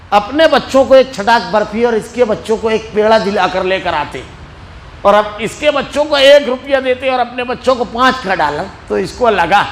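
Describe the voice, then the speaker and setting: A man with an Indian Urdu accent from Maharashtra, teaching a religious lesson in a mosque as an animated storyteller. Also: high voice, a little hiss or hum, rough recording. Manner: animated storyteller acting out quoted speech. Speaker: Quran teacher.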